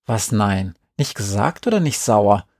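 A man's voice: lowish voice, lively intonation, a little slow, dry recording, clean studio sound. A man voicing a curious young boy who keeps asking questions. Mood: prying. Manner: questioning insistently.

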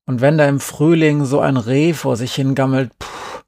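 A man voicing a blunt, gruffly teasing girl from a story. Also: mid-range voice, fairly even intonation, moderate pace, darkish tone, no room sound, studio quality, natural voice. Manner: gruff and mocking.

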